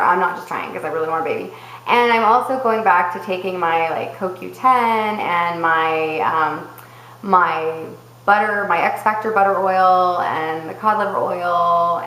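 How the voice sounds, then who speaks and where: A woman's voice: medium pitch, fairly bright tone, echoey room, a little hiss or hum, poor audio. A woman vlogger talking casually and rambling, interrupting herself and circling back to her points. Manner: chatty, rambling, self-interrupting. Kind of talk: casual personal vlog.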